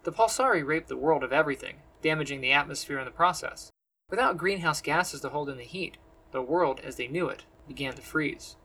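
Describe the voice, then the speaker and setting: Husky male storyteller. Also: a little high, pushed and bright, low-quality recording. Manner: measured, descriptive storytelling. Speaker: narrator. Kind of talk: scripted fantasy audiobook narration.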